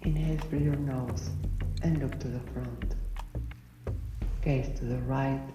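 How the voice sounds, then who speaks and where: A woman narrating a scripted guided breathing exercise as an instructor, in measured, instructional phrases with short pauses. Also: rumbling low, steady tone. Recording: roomy, distant voice under loud music. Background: loud music.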